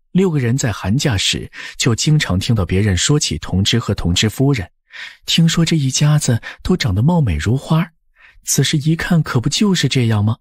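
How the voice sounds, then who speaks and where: The husky voice of a male audiobook narrator, pitched in the medium range, swings widely in intonation as he reads a scripted period story. The recording is close-miked and dry.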